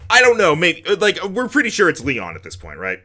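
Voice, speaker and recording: A man chatting casually and jokily as he plays a game, in an animated, rambling way. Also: sits high, brisk. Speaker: gamer playing and reading aloud. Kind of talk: casual gaming chat.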